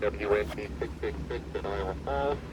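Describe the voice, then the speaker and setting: A man's voice: lowish voice, normal speed. Synthetic male weather-radio voice through a distant speaker. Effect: weather radio broadcast played through a speaker. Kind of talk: automated emergency test announcement. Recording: distant speaker with loud background noise.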